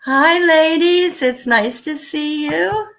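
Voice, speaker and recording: A woman's voice: high-pitched, slow, creaky, fairly bright tone. An American woman hosting a casual interview over a video call, bubbly and rambling, laughing often as she talks. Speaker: host.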